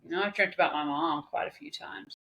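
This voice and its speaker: A woman speaking as a podcast guest in a reflective conversation, often pausing and restarting as she searches for her words. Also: sits low, pushed and bright, slight background noise, low-quality recording.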